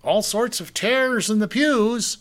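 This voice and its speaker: A man's voice: high voice, takes it slowly. A man preaching a verse-by-verse sermon, asking the congregation rhetorical questions and drawing out key words for emphasis.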